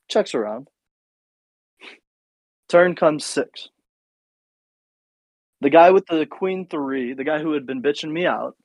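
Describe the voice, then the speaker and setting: A man's voice: fairly high pitch, dry recording, poor audio. A man co-hosting a podcast, telling a rambling, profane story in casual chat. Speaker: podcast co-host.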